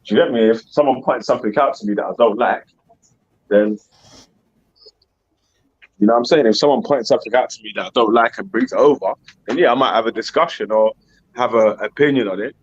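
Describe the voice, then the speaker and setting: A man's voice: medium pitch, a little fast, long pauses, slightly rough, lo-fi sound. A man with a London roadman accent hosting a casual panel, talking in street slang and tagging his points with little questions. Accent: London street slang (roadman) English. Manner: slangy, frequent tag questions. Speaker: host moderating a panel. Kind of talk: casual live panel chat.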